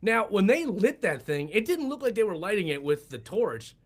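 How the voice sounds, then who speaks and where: A man's voice: sits high, sing-song, moderate pace. A middle-aged man co-hosting a casual chat, asking questions and laughing often. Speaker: co-host.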